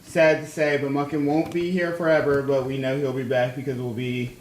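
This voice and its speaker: A man's voice: medium pitch, flat delivery, fairly quick, slight background noise. A man hosting a casual podcast chat, upbeat and joking, who often echoes what the others say. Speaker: podcast host.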